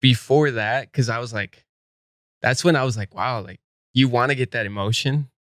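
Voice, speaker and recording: Joking, foul-mouthed podcast host. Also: male voice, medium pitch, a bit bright, no echo, clean studio sound. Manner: loose and joking, swears freely, reacts with quick backchannels. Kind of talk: casual chat. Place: podcast studio.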